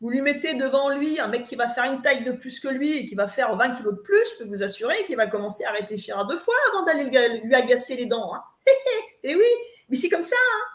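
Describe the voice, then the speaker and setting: A woman's voice: sits high, expressive, brisk. A woman from eastern France giving emphatic spiritual advice on a live talk, lecturing with fillers and restarts. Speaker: spiritual coach guest. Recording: roomy echo.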